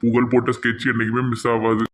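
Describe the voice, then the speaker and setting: A man's voice: mid-range voice, completely flat delivery, quick pace, slight background noise, pitched below the performer's own voice, close to an everyday voice. A man voicing a smug young schemer in a cartoon, muttering his plan to himself in a Tirunelveli accent. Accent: Tirunelveli Tamil.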